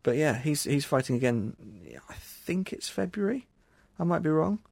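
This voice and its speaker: A man's voice: on the high side, lively intonation, normal speed, vocal fry, a little mellow, no echo. Rambling, self-deprecating English man. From England. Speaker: podcast co-host. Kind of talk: casual chat.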